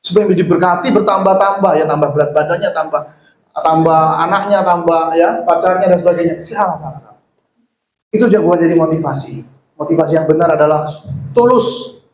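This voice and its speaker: Preaching at a fairly quick clip, this pastor has a voice that runs a little high. He mixes jokes and questions for the congregation into his sermon, recorded in a church hall with noticeable echo.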